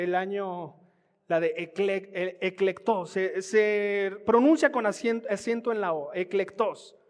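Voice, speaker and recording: Mexican man preaching, chatty teaching tone, high voice, echo of a church hall. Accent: Mexican Spanish. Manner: conversational teaching, addresses congregation as family. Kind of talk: sermon. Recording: long hall reverb.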